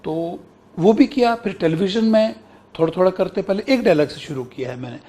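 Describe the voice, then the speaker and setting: This is a man with a high voice and a fairly quick delivery, a middle-aged actor and broadcaster from Kashmir, India. In an interview he looks back on his working life with animated storytelling, performing the old conversations he quotes.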